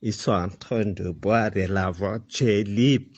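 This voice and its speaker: A man's voice: fairly low pitch, slow, a little mellow, breathy edge, dull audio. A man from Cameroon with a Cameroonian accent speaks informally and insistently, laying out accusations and repeating himself for emphasis. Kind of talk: informal spoken exposé with accusations.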